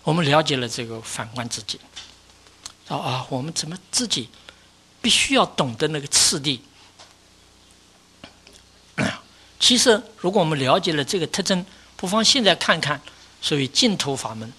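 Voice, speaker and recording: Buddhist dharma lecture, rhetorical questions, rising emphasis, low falling conclusions. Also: lively intonation, normal speed, long pauses, sharp tone, breathy edge. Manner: often lifts pitch and volume for emphasis, drops low at conclusions. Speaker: Buddhist teacher.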